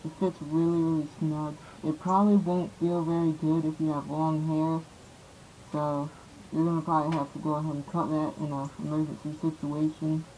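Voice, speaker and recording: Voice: medium pitch, level tone, normal speed, a little mellow, slight background noise, low-quality recording. A person speaking through a gas mask, giving a plain, offhand casual product review.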